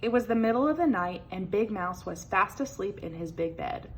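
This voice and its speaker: A woman reads a children's picture book aloud, telling the story expressively. Her voice is medium-pitched and her pace moderate, with a little hiss or hum in the recording.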